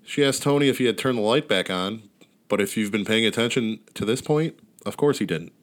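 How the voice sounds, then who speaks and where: A man's voice: lowish voice, lively intonation, fairly quick. A man hosting a podcast, casually retelling a story in a wry, laid-back way with casual swearing. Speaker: podcast host. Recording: outdoor neighborhood ambience behind.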